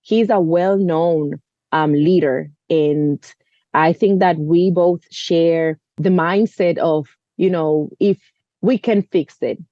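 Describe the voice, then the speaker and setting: A woman's voice: on the low side, steady tone, slow, no room sound, highs cut off. A woman in her thirties from the Dominican Republic, speaking earnestly as an interview guest, often saying "you know.". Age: 30s. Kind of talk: conversational interview.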